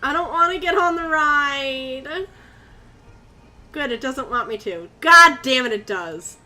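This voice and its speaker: A young woman from Connecticut streams a horror game, chatting with viewers, jumping at scares and swearing as she comments live. Her high voice moves slowly with lively intonation and a pushed, bright tone.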